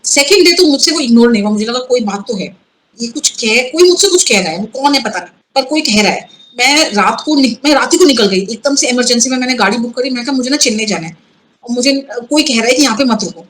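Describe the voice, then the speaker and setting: A woman with a high, light voice speaks as an interview guest and tells a personal story. She is earnest and halting, often breaks off to restart a sentence, and mixes English words into her Hindi. Her voice is set against a faint hiss. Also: expressive, fairly bright tone, poor audio. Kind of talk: personal testimony in a conversational interview.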